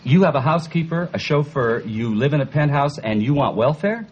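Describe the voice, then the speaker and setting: A man's voice: a little high, lively intonation, brisk, husky. A middle-aged man playing a bemused, patient office supervisor in a television sitcom, with a dry, questioning manner. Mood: incredulous. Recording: muffled TV soundtrack, loud studio audience.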